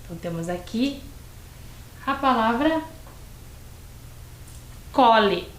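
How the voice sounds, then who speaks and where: A Brazilian woman teaching a lesson to young children, drawing out syllables slowly and patiently. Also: medium pitch, expressive, a bit bright, reverberant, a little hiss or hum, rough recording. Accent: Brazilian Portuguese. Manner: stretches words and syllables, patient and encouraging. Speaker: primary school teacher. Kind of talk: slow, clearly spelled-out lesson for young children.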